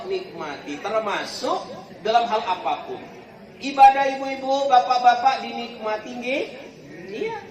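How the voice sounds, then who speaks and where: A man giving a humorous sermon at a community gathering, who keeps asking the crowd for agreement. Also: high-pitched. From Palembang, Indonesia. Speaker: preacher. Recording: echoey hall, distant mic, crowd.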